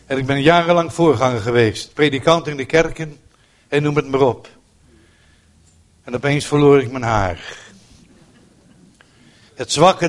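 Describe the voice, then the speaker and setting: An older man, a pastor delivering a sermon in an emotional, emphatic way with sudden loud outbursts. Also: on the high side.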